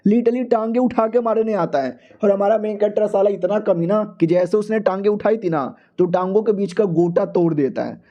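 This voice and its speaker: A man's voice: high-pitched, a little fast, hardly any pauses, dull audio. A man casually retelling a manhua story, slangy and playful, voicing every character himself. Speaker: manhua recap narrator.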